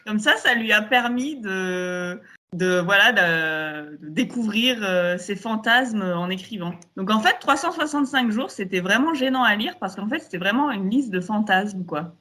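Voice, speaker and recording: A woman's voice: medium pitch, expressive, moderate pace, pushed and bright. A woman co-hosting a casual podcast, retelling scenes animatedly with frequent fillers. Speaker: podcast co-host. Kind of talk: casual chat.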